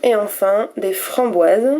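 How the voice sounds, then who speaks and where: A woman teacher giving a recorded reading lesson to young pupils, sounding out each letter and syllable slowly and with care. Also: medium pitch, mellow, a little hiss or hum. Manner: slow and careful, spelling out letters and syllables one by one. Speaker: primary school teacher.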